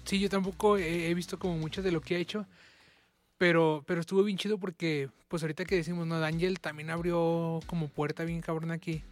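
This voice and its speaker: A man with a Mexican accent interviewing in a relaxed, halting way with many fillers. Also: fairly high pitch, no room sound, soft background music. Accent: Mexican Spanish. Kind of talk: casual conversation.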